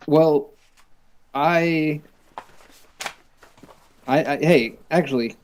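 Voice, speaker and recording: A man's voice: a little high, very slow, a little hiss or hum. A man playing in a tabletop game, talking casually and hesitantly with stammered restarts. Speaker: player.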